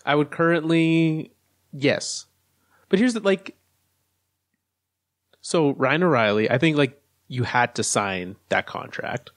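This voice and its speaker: A man's voice: on the high side, takes it slowly, long pauses, no room sound, studio quality. A man co-hosting a casual sports podcast, laying out his arguments step by step. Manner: analytical, lays out arguments step by step. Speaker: podcast co-host.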